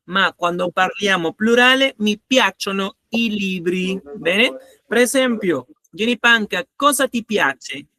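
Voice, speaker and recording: A man's voice: high voice, lively intonation, takes it slowly, bright, forceful tone. A man teaching a grammar lesson, patiently repeating each example and checking that students follow. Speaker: language teacher.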